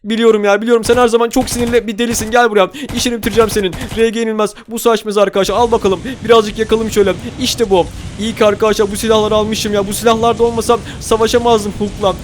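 A man hosting a gaming video, giving excitable commentary and constantly addressing his viewers. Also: high-pitched, very fast, hardly any pauses, a little hiss or hum. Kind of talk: game commentary role-play.

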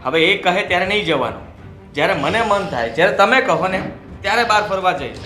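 A man's voice: sits high, lively intonation, brisk, pushed and bright, soft background music. A man playing a tired, complaining young husband who gives in easily. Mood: agreeable. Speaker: newly married husband. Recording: roomy echo.

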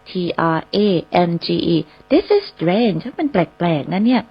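A woman hosting a radio English lesson, spelling English words slowly letter by letter and repeating phrases for listeners. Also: medium pitch, sing-song, husky. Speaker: radio host and English teacher. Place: radio studio. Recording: slightly dull radio broadcast sound.

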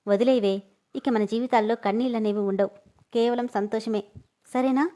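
A man's voice: sits high, steady tone, mellow, lightly acted. A woman voicing a fond, teasing young husband. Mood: tender. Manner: fond and teasing, speaks quickly.

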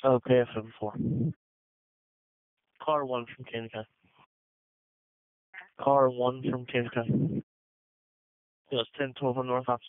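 A man's voice: medium pitch, flat delivery, measured pace, long pauses, dry recording. A man working as an emergency dispatcher, giving clipped procedural read-backs over a two-way radio in police radio style. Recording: tinny phone-like dispatch radio.

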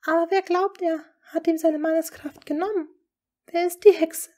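A woman voicing an anxious lady-in-waiting in an audiobook, speaking high, tense and trembling. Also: moderate pace, a little mellow, lightly acted. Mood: alarmed. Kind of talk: audiobook character reading.

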